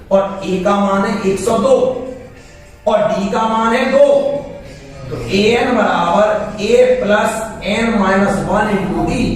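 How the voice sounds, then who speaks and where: A man's voice: high voice, recorded from a distance, a little hiss or hum. A man teaching math, working through exam problems step by step and repeating each number aloud as he calculates. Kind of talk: classroom lesson explaining exam problems. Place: coaching classroom. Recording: echoey room, voice off-mic, faint ambience.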